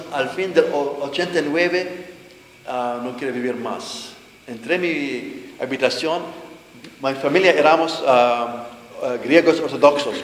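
A middle-aged man, giving an earnest, halting testimony sermon to teenagers and searching for words as he goes. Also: fairly high pitch. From Jordan. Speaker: preacher giving his testimony. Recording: echoey hall with long reverb, faint noise.

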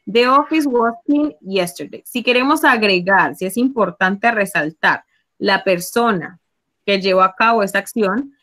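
A woman's voice: medium pitch, unhurried, fairly bright tone. A woman teaching an online class. She explains each step patiently and keeps prompting her students to answer. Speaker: English teacher.

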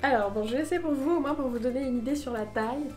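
A woman's voice: high-pitched, quick pace, darkish tone, faint music behind. A woman chatting frankly through a casual unboxing review of cheap clothes. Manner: chatty, frank, mocking asides.

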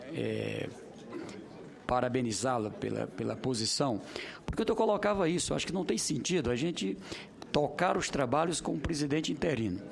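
A middle-aged Brazilian man, a senator giving a semi-formal committee speech, halting and circling back to rephrase. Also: mid-range voice, creaky. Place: large Senate committee room, indoors. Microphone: desk gooseneck microphone.

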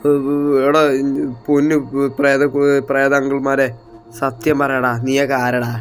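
A man role-playing a gangster in a game, talking to his viewers loudly, dramatically and in a panicky, bossy way. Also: mid-range voice, level tone, unhurried, faint music behind. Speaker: gameplay streamer.

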